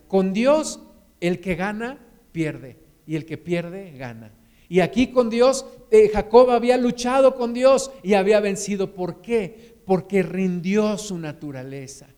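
A middle-aged pastor preaches in a lively storytelling manner. His voice sits high for a man and sounds smooth and clear. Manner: storytelling, animated retelling with acted quotes. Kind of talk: sermon.

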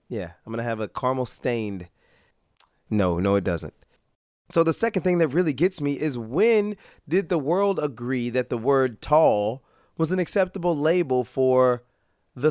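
An American man hosting a vlog, hoarse from being sick, giving a comedic rant in a sarcastic, exasperated manner. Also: a little high, no room sound, clean studio sound. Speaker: vlog host.

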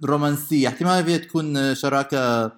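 A man's voice: fairly high pitch, rapid-fire. A man with a Levantine Arabic accent co-hosting a podcast, chatting casually in a joking, playful way. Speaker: podcast co-host. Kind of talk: casual bantering chat.

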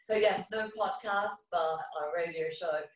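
A woman's voice: lowish voice, a little slow. A woman from Germany, a DJ and radio co-host, chatting casually in an interview, laughing often and restarting her sentences over a video call. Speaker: DJ and radio show co-host, guest. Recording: roomy and distant.

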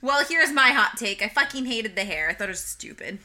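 A woman with a fairly high, very bright voice chats with her co-host. She talks loosely and swears freely. The recording is made inside a small closet. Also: animated, a little fast. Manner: chatty and swearing. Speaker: podcast co-host. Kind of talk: casual chat.

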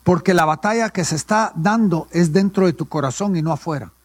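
A man's voice: sits high, brisk, breathy edge, no echo. A male pastor, preaching a sermon and asking questions that he answers himself. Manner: call-and-response preaching, asks and answers his own questions.

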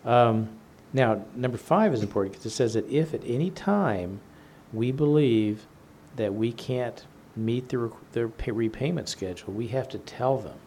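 Man, finance presenter, mellow, plain step-by-step explanation, faint background noise. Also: mid-range voice, expressive, moderate pace, few pauses. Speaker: finance official presenting to a board.

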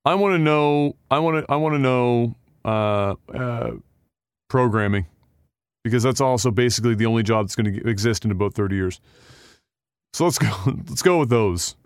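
Smooth-voiced man in his thirties. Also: medium pitch, normal speed, dry recording, clean studio sound. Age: 30s. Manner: relaxed, swears, reads viewer questions aloud. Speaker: podcast co-host. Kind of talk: casual chat.

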